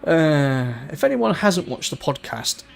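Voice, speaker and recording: A man's voice: on the high side, very animated, unhurried, creaky, slight background noise. A man, commentating a sim racing event live in a chatty, rambling way and laughing easily. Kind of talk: live esports race commentary.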